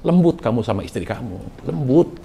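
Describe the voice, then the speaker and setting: A man preaching a sermon, telling a story in a colloquial, animated way and acting out the people in it. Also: medium pitch, normal speed, gravelly, breathy edge. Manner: animated, colloquial, acts out quotes.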